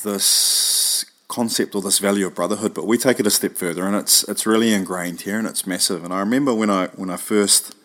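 Deep-voiced New Zealand man. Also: fairly even intonation, a little fast, a bit bright. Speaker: guest, PE teacher. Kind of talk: casual interview answers.

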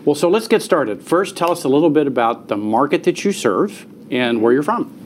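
This is a podcast host interviewing a guest. The voice sits at a middle pitch and the manner is encouraging and affirming. A faint room ambience runs underneath. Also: very animated, moderate pace, slight background noise.

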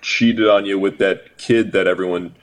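A man co-hosting a podcast, telling stories in a casual, profane, animated way. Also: sits low, moderate pace. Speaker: podcast co-host. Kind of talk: casual chat.

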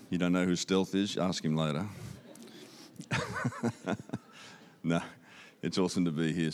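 With a low, darkish voice, a man with an Australian accent gives an upbeat, conversational guest sermon in a church auditorium. He uses a handheld microphone and repeats key phrases to drive them home.

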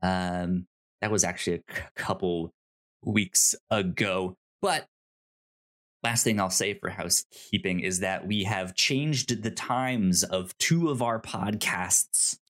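A man hosts a podcast in an upbeat, informal manner, mixing casual chat with housekeeping plugs. His voice sits low and is fairly bright, at a slow pace.

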